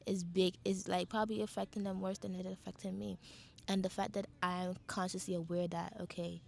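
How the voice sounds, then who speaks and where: A woman's voice: on the low side, level tone, brisk, vocal fry. A young woman from the Caribbean, talking candidly in a casual reflective monologue and swearing freely. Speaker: vlogger.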